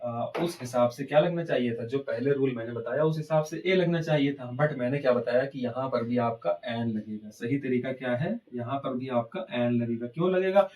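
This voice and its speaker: A man's voice: mid-range voice, a little mellow, recorded from a distance, a little hiss or hum, low-quality recording. A man teaching an English grammar lesson, asking questions and answering them himself. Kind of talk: classroom-style grammar lesson.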